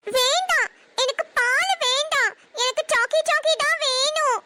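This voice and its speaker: Woman doing a little cartoon girl, stubborn and whiny, very high bright voice, slow baby talk. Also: heavily acted. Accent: Namakkal Tamil. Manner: babyish, drawn-out pleading.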